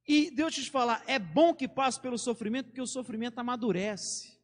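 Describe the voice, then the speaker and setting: A male pastor with a Brazilian Portuguese accent preaches in a very high voice. His sermon is conversational, with stories and casual slang. The sound rings out with a long reverb, as in a church hall. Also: brisk. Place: church sanctuary.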